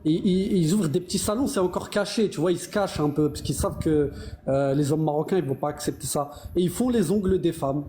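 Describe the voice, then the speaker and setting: A man's voice: a little high, fairly quick, mellow. A man debating casually on a live stream, speaking in French suburban street slang over a noisy call. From Morocco.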